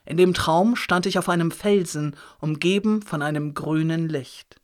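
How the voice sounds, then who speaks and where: A man voicing an older grandfather who tells a strange family story in a slow, measured, grave way. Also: on the high side, close to an everyday voice.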